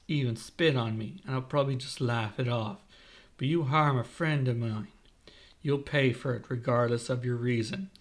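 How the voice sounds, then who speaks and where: A man voicing a calm, cool-headed adult pirate captain, speaking slowly. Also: close to an everyday voice. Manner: calm, slow, low.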